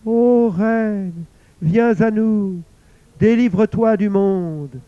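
A man voicing a chorus of hanged women spirits, wailing slowly. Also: sits high, no echo, highs cut off, pitched above the performer's own voice. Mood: wailing lament. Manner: wailing, slow.

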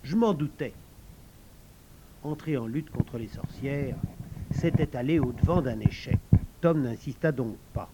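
A man narrating an audiobook with expressive storytelling. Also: medium pitch, moderate pace, muffled recording, noisy background.

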